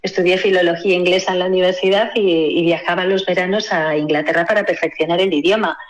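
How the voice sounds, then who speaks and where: A middle-aged woman from Spain with a Spanish accent, a guest in an interview who tells lively stories and acts out the voices she quotes. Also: on the low side, fast talker, lo-fi sound. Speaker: guest, voice actress. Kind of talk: interview over a call.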